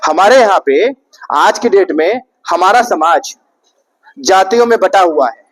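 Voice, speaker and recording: The recording is low quality, and the young man's voice sits high as he speaks at the Independence Day event. He repeats himself rhetorically and asks his audience questions.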